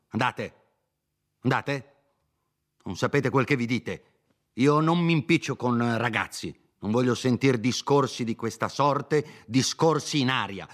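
A man voicing a scheming, pompous older country lawyer with a smooth, condescending manner, in a dramatized reading of a classic novel. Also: low-pitched, lightly acted.

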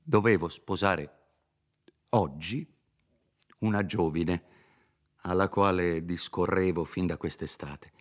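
A man voicing an honest young villager who talks in an earnest, pleading, hurried way, in a dramatized reading of a classic novel. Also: low-pitched.

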